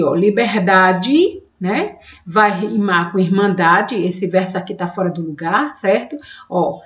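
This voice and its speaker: A woman teaching a literature lesson, explaining and pointing things out with frequent tag questions. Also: fairly high pitch. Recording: echoey room, dull lo-fi sound.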